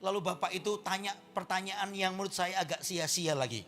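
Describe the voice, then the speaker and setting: A man's voice: sits high, brisk. A male pastor with an East Javanese Indonesian accent, telling a humorous story in a sermon and acting out the voices of the people in it. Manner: animated, acts out voices and shouts in anecdotes. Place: church sanctuary.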